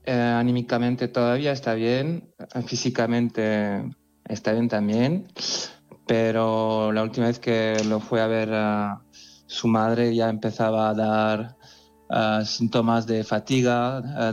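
A man's voice: mid-range voice, darkish tone, smooth, muffled recording. A man from France in his forties, an editor being interviewed on the radio, speaking earnestly with many restarts and repeated words. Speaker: magazine editor in chief.

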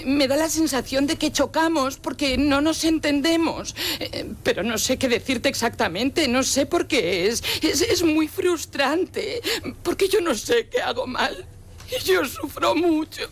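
Woman playing a high-voiced, melodramatic head waitress. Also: moderate pace, a little hiss or hum, natural voice. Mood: tearful, frustrated. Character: aggrieved, gushing, self-pitying female head waitress. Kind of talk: audio drama acting.

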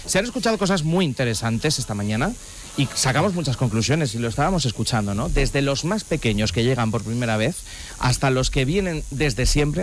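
A man from Albacete, Spain, hosts a live radio show at a mid-range pitch. He chats with his guests in a friendly, conversational tone. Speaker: radio host.

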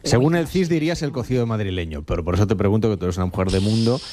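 A man's voice: on the low side, lively intonation, racing, warm tone, a little hiss or hum. A man from Barcelona hosting a casual radio chat, asking his guests questions in a chatty way. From Barcelona, Spain. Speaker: radio host.

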